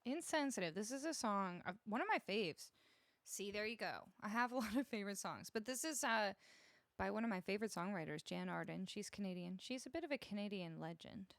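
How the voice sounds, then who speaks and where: A woman's voice: medium pitch, expressive, brisk, a bit bright, dry recording. A woman music streamer chatting casually with her live viewers on a close studio mic. She laughs often and greets each viewer by name. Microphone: studio broadcast microphone, close.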